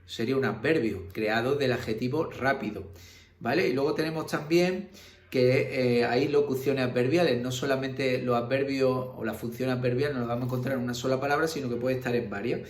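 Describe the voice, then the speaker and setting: A man's voice: mid-range voice, fairly quick. Male teacher, patient and filler-heavy, recorded in a roomy space. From Spain. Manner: explains patiently with many fillers and checks like "¿vale?". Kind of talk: recorded grammar lesson. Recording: roomy echo.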